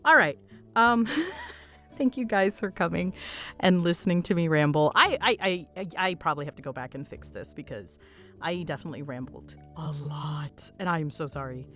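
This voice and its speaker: With faint music in the background, a voice actress who hosts fields questions from her audience in a fairly low voice at a moderate pace. Her casual rambling has a bouncy, dramatic, self-mocking quality, full of giggles and animated storytelling.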